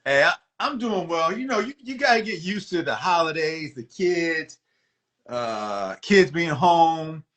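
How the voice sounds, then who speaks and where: A man talks on a video call in a fairly high, bright, ringing voice. He chats as an emergency doctor being interviewed, friendly and animated, laughing often and stumbling into quick restarts. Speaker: emergency medicine doctor, guest. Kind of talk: casual interview chat.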